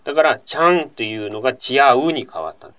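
Man with a lively, wide-ranging voice. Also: medium pitch, fast talker. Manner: chatty explainer, fond of tag questions and asides. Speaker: host. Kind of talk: casual radio-style talk answering a listener letter.

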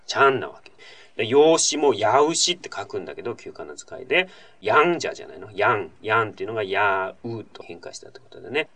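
A man's voice: lowish voice, big pitch swings, quick pace, a bit bright. A male host in casual radio-style talk, reading out a listener's letter and then explaining at length in a chatty way, full of asides and tag questions.

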